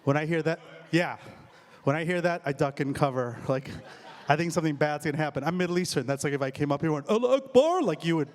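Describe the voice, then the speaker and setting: A man's voice: a little high, steady tone, quick pace. A man with a Chicago-area American accent doing a stand-up set on a theater stage, chatting with the crowd and joking at his own expense. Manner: chatty crowd work, self-mocking. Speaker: stand-up comedian.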